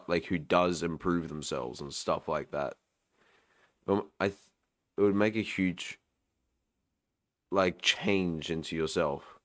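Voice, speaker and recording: A sleepy young man in casual chat, rambling with lots of filler words. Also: low voice. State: sleepy, yawning.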